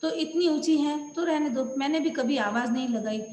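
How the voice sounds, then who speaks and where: Brief: proud aloof tree, read by a woman teacher, high voice, echoey room. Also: moderate pace, a little mellow, a little hiss or hum, close to an everyday voice. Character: proud self-respecting male tree.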